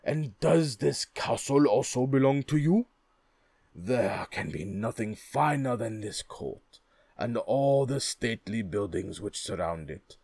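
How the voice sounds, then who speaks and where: A storybook king, astonished and gushing, put on by a man reading aloud. He exclaims loudly, his pitch lifted above the reader's usual low voice. The recording is close and dry. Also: lively intonation, slow pace, creaky, breathy edge, dry recording, exaggerated voice. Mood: amazed. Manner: exclaiming, loud.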